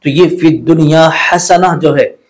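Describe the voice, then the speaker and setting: A man's voice: fairly high pitch, a little mellow. Patient man teaching prayer pronunciation. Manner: polite, patient, repeats and corrects pronunciation; recites the Arabic prayer slowly in a melodic chant. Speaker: religious teacher. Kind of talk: religious instruction to camera.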